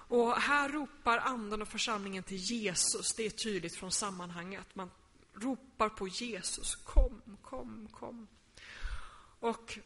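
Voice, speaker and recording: A woman's voice: fairly high pitch, a bit bright. Woman preaching in a reverberant church. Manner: earnest, explanatory preaching with Bible readings. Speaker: pastor. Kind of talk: sermon.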